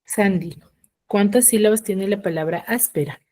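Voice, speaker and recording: A woman teacher giving an online class, asking patient questions and slowing down to spell out syllables. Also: medium pitch, dark tone, no echo. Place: home room for an online class.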